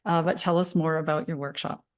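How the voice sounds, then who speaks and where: A woman's voice: low-pitched, fairly even intonation, brisk. A woman hosting an interview, talking in an enthusiastic, chatty way with many fillers. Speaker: interview host. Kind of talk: casual interview talk.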